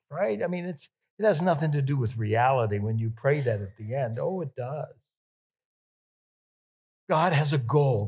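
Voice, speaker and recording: A male pastor with a medium-pitched, slightly breathy voice preaches a sermon, repeating words for emphasis. He swings between loud, emphatic peaks and soft, hushed passages.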